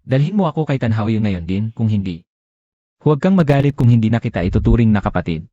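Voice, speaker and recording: A desperate grieving husband. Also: male voice, fairly low pitch, very animated, quick pace, dark tone, no echo, muffled recording. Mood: angry denial. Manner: pleading, insistent. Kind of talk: dubbed short drama acting.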